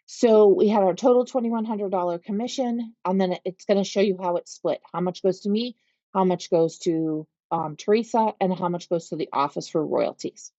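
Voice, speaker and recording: This patient woman, a real estate trainer with a Pittsburgh accent, walks through software on a screen share step by step, checking in with "okay?" along the way. Her voice sits in the mid range, and the recording is dry, slightly dull and lo-fi.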